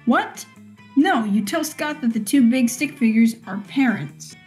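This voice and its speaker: A woman's voice: fairly high pitch, lively intonation, unhurried, a little mellow, soft background music. A young adult woman casually reading a video game's narration aloud while playing with friends.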